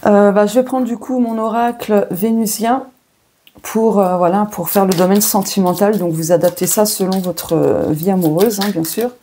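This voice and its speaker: A woman's voice: mid-range voice, steady tone, moderate pace, mellow, a little hiss or hum. Chatty French woman reading oracle cards. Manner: chatty, thinks aloud with many fillers and self-asides. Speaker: tarot and oracle card reader. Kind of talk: casual weekly card reading to viewers.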